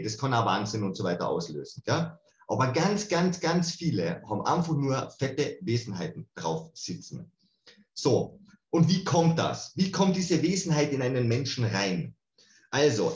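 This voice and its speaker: A man gives an online lecture on spiritual healing, talking animatedly and casually and often checking in with "okay?". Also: fairly high pitch. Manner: animated, colloquial, keeps asking "okay?". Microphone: video call. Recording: roomy, dull video-call audio.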